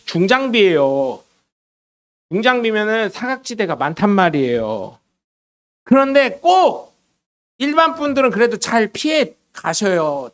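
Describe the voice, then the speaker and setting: Man, middle-aged, high-pitched, sermon, storytelling, punchy then hushed. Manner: lively storytelling, swinging between loud bursts and soft asides. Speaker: preacher. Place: church sanctuary.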